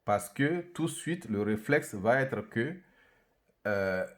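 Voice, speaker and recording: A man giving a lecture on a new alphabet, speaking slowly and deliberately and repeating syllables to demonstrate their sounds and tones. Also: mid-range voice, expressive. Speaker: language teacher presenting an alphabet. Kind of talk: lecture with slow syllable-by-syllable reading drills.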